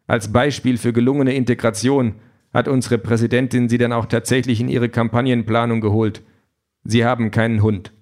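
Calm know-it-all android guy read by a man, slow and exact, audiobook. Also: mid-range voice, natural voice. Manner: measured, deliberate, matter-of-fact. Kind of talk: audiobook reading.

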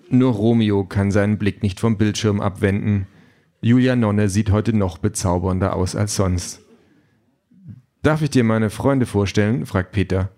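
A man reading a novel aloud with dry, deadpan narration. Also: lowish voice. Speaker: reader.

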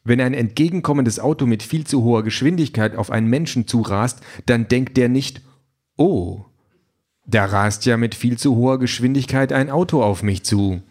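A chatty, overeager self-driving car with a lifted, buoyant voice that likes to lecture, voiced by a man reading an audiobook. He speaks in a pitch noticeably above the reader's own. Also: natural voice. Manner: brightly chatty, lecturing, flares into furious shouting.

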